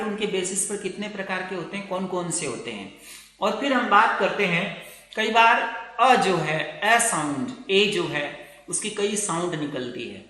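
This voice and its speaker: A man teaching English pronunciation in a video lesson, explaining slowly and checking with his students again and again. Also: high voice, bright, forceful tone. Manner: explains slowly, repeats words and checks with "theek hai na". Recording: very echoey room.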